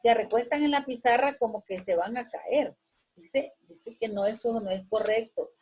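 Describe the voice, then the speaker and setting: A woman's voice: fairly high pitch, moderate pace, darkish tone, breathy edge, low-quality recording. A woman teacher explaining a lesson patiently with everyday examples, often tagging her sentences with a questioning check and hesitation fillers. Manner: keeps adding a questioning tag, with frequent hesitation fillers.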